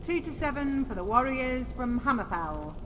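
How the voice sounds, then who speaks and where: A woman's voice: high voice, big pitch swings, moderate pace. A woman playing a shrewd, plainspoken bookmaker at a fight pit in a fantasy video game. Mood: businesslike, announcing. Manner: folksy, plainspoken. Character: brisk shrewd female fight-pit bookmaker, daughter of a gambler. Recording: hall reverb, faint noise.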